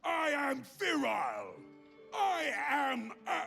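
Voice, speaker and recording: A man's voice: extremely high pitch, expressive, slow, creaky, bright, forceful tone, faint music behind, heavily acted. An actor playing a pompous, indignant male brute monster in a video game, bragging in a bombastic way. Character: boastful, indignant brutish male monster caught rutting.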